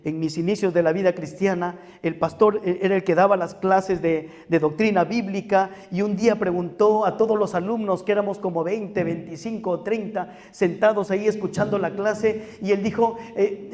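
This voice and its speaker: Long reverb from the church hall surrounds this high-pitched, somewhat mellow voice. A Peruvian pastor with a Spanish accent, he delivers a sermon by repeating phrases for emphasis and questioning the congregation.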